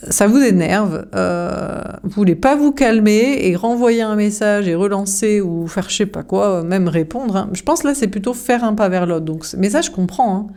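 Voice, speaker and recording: A woman's voice: medium pitch, mellow. A young woman giving a casual tarot reading, frank and chatty, with many fillers. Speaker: tarot card reader.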